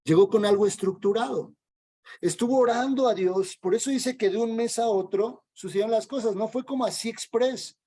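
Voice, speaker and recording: A man's voice: sits high, moderate pace, dark tone. A man preaching a sermon in a conversational way, acting out the quoted dialogue.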